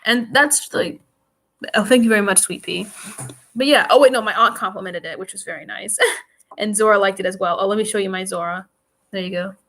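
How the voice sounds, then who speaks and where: A woman's voice: mid-range voice, a little fast, fairly bright tone. Chatty, giggly young woman vlogger. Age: young adult. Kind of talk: casual chat to viewers. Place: home. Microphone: computer mic up close.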